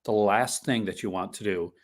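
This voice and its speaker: A Canadian podcast host with a fairly low voice chats casually at a moderate pace, rambling and restarting his sentences. His accent is a mix of Canadian influences, partly from Newfoundland.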